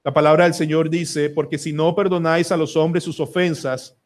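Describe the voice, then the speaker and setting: Emphatic Colombian pastor preaching. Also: male voice, on the high side, level tone, normal speed. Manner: emphatic, pleading, asks the congregation many questions. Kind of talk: sermon. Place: church sanctuary.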